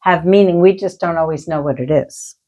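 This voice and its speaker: A woman's voice: fairly low pitch, a little fast, mellow. A middle-aged woman, a healer and medium, chatting and telling stories, acting out the voices she quotes. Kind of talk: casual chat, storytelling.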